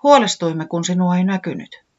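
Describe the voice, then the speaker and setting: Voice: medium pitch, animated, pitched above the performer's own voice, close to an everyday voice. A storyteller voicing a fretful, kindly little forest neighbor with an anxious, caring way of talking, in a dull lo-fi recording. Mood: relieved.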